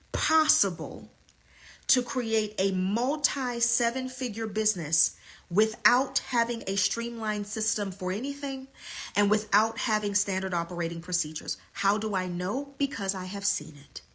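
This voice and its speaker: Emphatic husky woman business coach. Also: medium pitch, a bit bright. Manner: emphatic, repeats key points. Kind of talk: live online business lesson.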